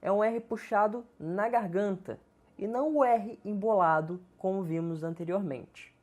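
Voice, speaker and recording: A woman giving a scripted pronunciation lesson, speaking slowly and enunciating each word with deliberate care. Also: mid-range voice, darkish tone, dull audio. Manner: slow, careful, deliberate enunciation. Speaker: English teacher.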